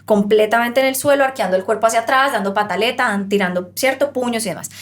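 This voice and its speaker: A woman who is a parenting expert, explaining on a podcast in an animated way and acting out the voices of parents and children. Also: a little high, quick pace.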